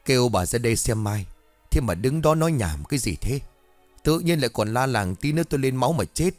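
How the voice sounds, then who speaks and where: A man voicing a gruff old village man over seventy who exclaims in alarm. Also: mid-range voice, expressive, fairly quick, no echo, faint music behind, natural voice. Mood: irritated. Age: 70s.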